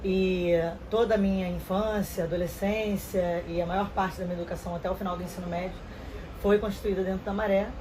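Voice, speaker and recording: Woman, 30s, earnest and measured, mid pitch, faint background hiss. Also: fairly even intonation. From Rio de Janeiro, Brazil. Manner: earnest, measured, with hesitant restarts. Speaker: interview guest. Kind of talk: reflective interview answers.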